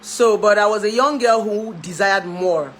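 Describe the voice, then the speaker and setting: Nigerian woman, 30s, relationship therapist, chatty livestream, mid pitch, faint hum behind. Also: a little slow, low-quality recording. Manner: chatty, laughs often, dips into pidgin. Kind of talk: casual chat to camera.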